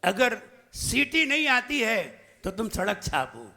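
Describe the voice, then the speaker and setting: A man's voice: very high-pitched, big pitch swings, slow pace, pushed and bright. A man with a central Indian Hindi accent, a Jain monk giving a sermon, who emphatically drills his audience on correct pronunciation with repeated questions. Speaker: Jain monk teaching recitation. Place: lecture hall at a training camp.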